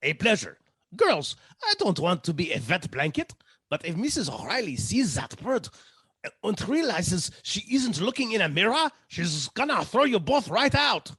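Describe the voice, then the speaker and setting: A woman playing a droll, obliging male professor with a husky voice in a 1940s-style radio comedy. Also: medium pitch, sing-song, normal speed, a bit bright, no echo, heavily acted.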